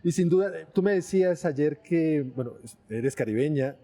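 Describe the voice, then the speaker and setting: A man's voice: a little high, animated, moderate pace, warm tone. A man interviewing a guest in a conversational style.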